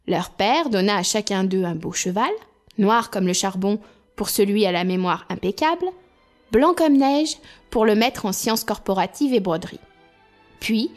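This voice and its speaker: A woman reading a fairy tale aloud as storyteller, in an expressive, lively way. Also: on the high side.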